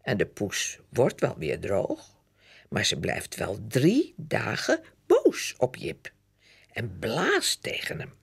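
A woman reading a children's story aloud slowly and expressively. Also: rumbling low, creaky, husky. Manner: slow, expressive, very animated.

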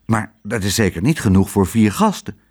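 A man voicing a calm, plucky little girl in a storybook reading, speaking gently and earnestly. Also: lowish voice, normal speed.

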